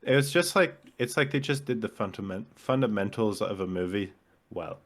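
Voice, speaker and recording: Podcast co-host, male, lowish voice, chatty and analytical, goes on at length about craft. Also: expressive, moderate pace, a bit bright. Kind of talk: casual chat.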